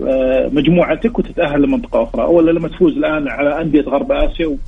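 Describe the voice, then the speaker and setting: A very husky Saudi man gives explanatory answers as an expert radio guest. He talks fast but restarts often, and the sound is dull and lo-fi. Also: on the high side. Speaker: guest expert, sports historian. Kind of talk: explanatory interview talk.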